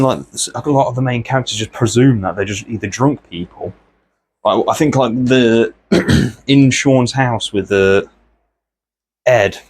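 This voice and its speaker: A man, host of an art channel, chatting casually and meandering from thought to thought while he works, often clearing his throat. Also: medium pitch.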